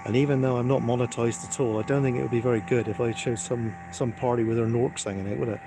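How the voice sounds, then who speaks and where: A man's voice: mid-range voice, fairly even intonation, fast talker, background noise. A man, live-streaming from his phone outdoors by the water, chatting casually with his viewers in a cheeky, joking, self-mocking way. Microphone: phone held in hand.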